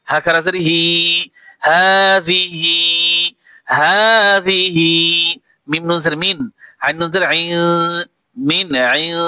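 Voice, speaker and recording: Man, Bengali accent, Quran lesson, letter-by-letter spelling, slow drawn recitation, bright tone, dry sound. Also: fairly high pitch, no echo, rough recording. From Bangladesh. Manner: slow drawn-out recitation between quick spoken explanations. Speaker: Quran reading teacher.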